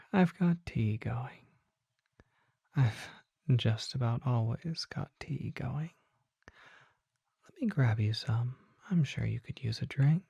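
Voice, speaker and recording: An ASMR roleplay features a performer as a well-mannered, inquisitive vampire apothecary, soft and frequently whispering, with a refined, unhurried, contemplative way of talking. The mid-range voice sounds creaky and husky, the mood is welcoming, and the heavily acted performance is captured in a dry recording.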